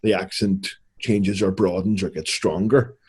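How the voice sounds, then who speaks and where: Mellow husky Belfast man chatting. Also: deep voice, measured pace. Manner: relaxed, rambling, self-correcting. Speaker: podcast co-host. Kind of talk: casual chat.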